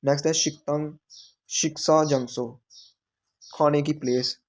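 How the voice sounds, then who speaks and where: A man with a slightly raised voice leads a language lesson. He explains each exam question patiently and repeats phrases to make their meaning clear. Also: a little high, steady tone, unhurried. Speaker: Korean language teacher.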